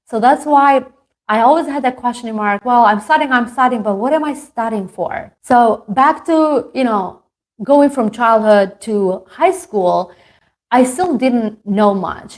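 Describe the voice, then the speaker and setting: A woman's voice: on the high side, animated, unhurried. A woman gives a motivational talk on a video call. She speaks as a marketing coach and sounds chatty and earnest, with lots of fillers. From Albania. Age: 30s. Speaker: marketing coach and company founder. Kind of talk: motivational talk to an online group.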